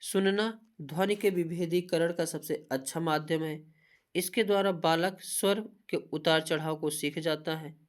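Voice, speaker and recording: In a mid-range voice and at a slightly slow pace, a Hindi teacher gives an exam-prep lecture. She reads out points in a steady, list-like way, often pausing mid-sentence to pose a question she then answers herself.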